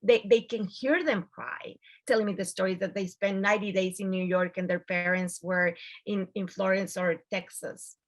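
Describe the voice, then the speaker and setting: A woman's voice: mid-range voice, steady tone, normal speed. Mexican-accented woman speaking in Spanglish. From US-Mexico border region. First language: Spanish. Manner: Spanglish, slips Spanish words into English. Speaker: journalist and producer. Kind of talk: informal panel discussion.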